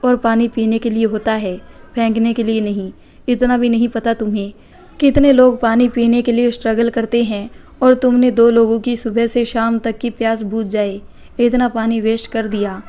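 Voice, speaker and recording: Woman doing a teasing young husband, storybook style, even tone, kinda high. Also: normal speed, lightly acted.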